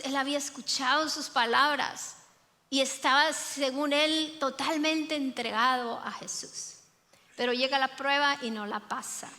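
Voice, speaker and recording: A woman's voice: sits high, bright, forceful tone. A woman preacher giving a sermon, telling the story with animation and speaking directly to the congregation. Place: church sanctuary. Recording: reverberant church hall.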